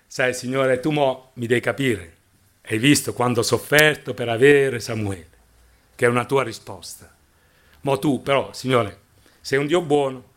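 A man's voice: medium pitch, fairly bright tone, close to an everyday voice. A preacher putting on a coaxing biblical mother. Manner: coaxing, familiar, reasoning. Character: pleading devout biblical mother bargaining with God. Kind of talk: sermon.

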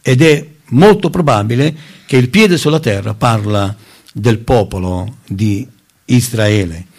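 A man's voice: mid-range voice, a little slow, creaky. Emphatic Italian-speaking preacher man. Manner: emphatic, rising on key words, lively intonation; addresses listeners as brothers, reads scripture aloud. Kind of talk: Bible teaching sermon.

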